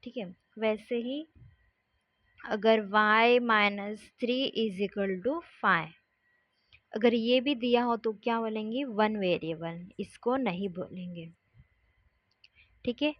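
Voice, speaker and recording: Patient woman teacher, somewhat high voice. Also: no room sound. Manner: patient, repeats "ठीक है" to check along. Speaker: maths teacher. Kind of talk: explaining a lesson at a board. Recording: dull lo-fi sound.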